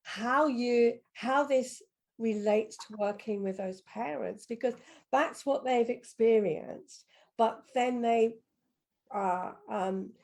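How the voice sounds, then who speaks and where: A woman's voice: fairly high pitch, slow pace, darkish tone. A woman hosting a podcast interview, listening attentively and steering the conversation with short remarks. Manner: attentive, steering the talk with brief backchannels. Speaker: podcast host.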